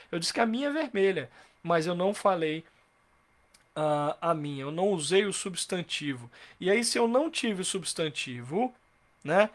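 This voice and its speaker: A man teaches English grammar in a live online class, his voice sitting a little high. He explains patiently, asks himself rhetorical questions and repeats example sentences slowly.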